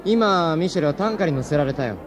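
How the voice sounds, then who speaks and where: A man's voice: on the high side, expressive, a little fast, natural voice. An actor playing a cool, teasing young man in a radio drama, talking in a dry way.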